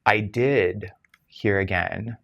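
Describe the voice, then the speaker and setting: A man co-hosting a casual podcast, talking in a lively, self-teasing way and jumping up in pitch for emphasis. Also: takes it slowly, creaky, highs cut off. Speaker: podcast co-host. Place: podcast recording space with camera crew. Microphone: microphone.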